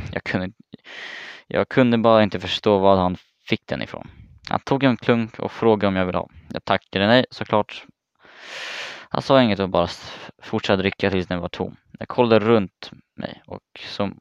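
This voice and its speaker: A young man narrating a personal story in the first person, casually and haltingly, often restarting his words. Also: low-pitched, smooth, dry recording. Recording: dry, slightly muffled recording.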